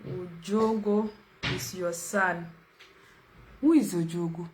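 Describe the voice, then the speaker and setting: This young Ugandan woman, speaking with a Ugandan accent, hosts a casual livestream chat, playful and teasing and laughing often with her viewers. Her voice is fairly low and fairly even in intonation, delivered slowly over background noise.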